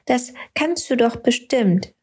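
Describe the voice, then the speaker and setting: A woman's voice: on the high side, expressive, slow, breathy edge, voice pushed up, exaggerated voice. Woman doing a shy little girl. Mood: shy, hopeful. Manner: quiet, hesitant, hopeful.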